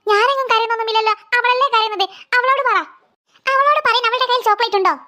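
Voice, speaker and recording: Woman voicing a smug, teasing cartoon girl, very high and bright voice. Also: fast. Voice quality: very high childlike voice. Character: cheeky smug young girl, teasing sister. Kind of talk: cartoon voice acting.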